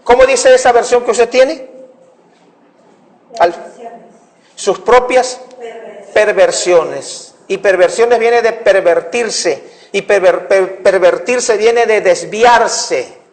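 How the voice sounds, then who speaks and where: A man's voice: high voice, takes it slowly, long pauses. A man preaching a sermon to his congregation, repeating his points for emphasis and calling them brothers. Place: church.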